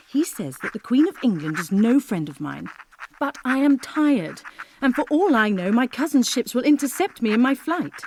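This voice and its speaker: An actress playing a proud, scheming captive queen, reading her diary and letters dramatically and deliberately in an audiobook. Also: on the high side, darkish tone, slight background noise, low-quality recording.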